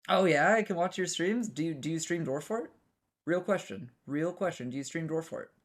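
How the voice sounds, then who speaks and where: A man's voice: a little high, animated, normal speed. A young American man streaming a game, rambling casually and answering his chat with many restarts. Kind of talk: casual live-stream chat while gaming.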